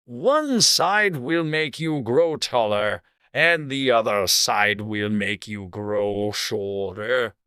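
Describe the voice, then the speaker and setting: Narrator voicing a very slow, drawling, contrary caterpillar. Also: medium pitch, animated, a bit bright, smooth, dry recording, studio quality. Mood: languid, detached. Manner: very slow, drawling, terse and curt. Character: languid, contradictory, easily offended caterpillar. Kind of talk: dramatized storybook reading.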